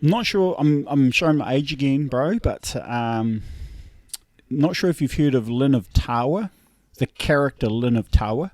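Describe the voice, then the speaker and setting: A man's voice: mid-range voice, expressive, measured pace, darkish tone, dry recording, clean studio sound. A middle-aged man with a broad Kiwi accent chatting casually and in a laid-back, blokey way as a podcast co-host. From New Zealand. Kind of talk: casual chat.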